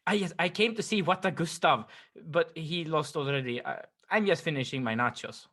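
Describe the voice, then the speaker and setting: A man's voice: a little high, a bit bright. A man doing a stammering mock-Swedish cook. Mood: earnest. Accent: exaggerated mock Swedish. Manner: halting, stammering, earnest. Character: bumbling male tourist cook claiming Swedish roots. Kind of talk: improvised comedy interview.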